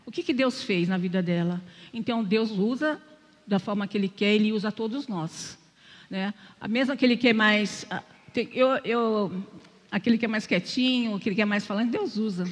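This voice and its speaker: An older woman with a Brazilian accent speaks at a church, her voice trailing into a long hall reverb. She talks in a homely, chatty way, often turning to her listeners for agreement and poking fun at herself. Her pitch sits in a middle range. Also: moderate pace. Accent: Brazilian Portuguese. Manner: chatty, keeps asking "né?", self-deprecating humor. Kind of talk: conversational sermon with personal testimony. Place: church sanctuary.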